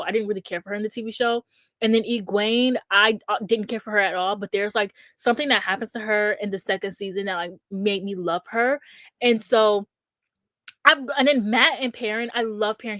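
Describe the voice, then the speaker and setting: A woman's voice: medium pitch, a bit bright, dry recording. A woman in her twenties chatting casually about books, rambling with frequent restarts and filler words, blunt and candid. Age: 20s. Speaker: streamer host.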